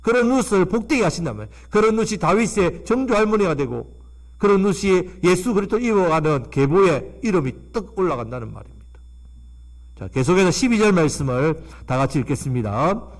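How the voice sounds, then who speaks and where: Animated high-voiced male pastor preaching. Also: brisk. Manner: emphatic preaching with rising and falling delivery. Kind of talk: sermon. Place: church sanctuary.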